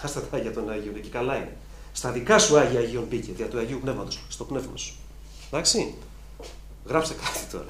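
A man delivers a sermon with emphatic, repetitive phrasing, and his voice climbs to fervent peaks. His voice carries through a reverberant room. A faint ambient hum sits underneath. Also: medium pitch. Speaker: preacher.

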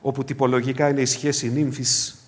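A man preaching a sermon as pastor, moving between loud emphatic exhortation and quiet asides in a repetitive cadence. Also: medium pitch, flat delivery.

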